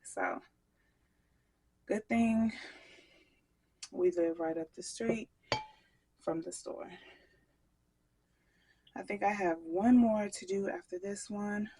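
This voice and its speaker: A woman's voice: mid-range voice, lively intonation, takes it slowly, pauses often, mellow, slight background noise, rough recording. A woman soap maker chatting casually to her viewers while she works on a craft vlog. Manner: chatty, talks straight to viewers.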